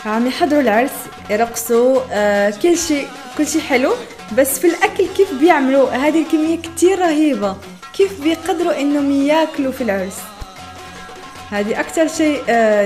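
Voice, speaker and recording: Young woman, reaction host, high-ish voice, chatty and amazed, faint background music. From Morocco. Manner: chatty, often laughing, exclaims in wonder. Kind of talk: casual reaction commentary.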